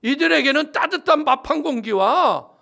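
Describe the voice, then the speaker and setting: A young male preacher pleads with God in earnest prayer, as a pastor acts him out in his sermon. The voice is high and bright, with a gravelly edge. It rises and falls a great deal. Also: expressive, moderate pace, full character voice. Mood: pleading.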